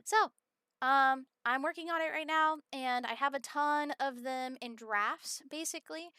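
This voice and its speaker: Bright high-voiced chatty woman streamer. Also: a little slow, no room sound, clean studio sound. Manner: rambling and chatty with many fillers; bursts into excited squealing greetings. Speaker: game streamer. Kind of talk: casual live-stream chat.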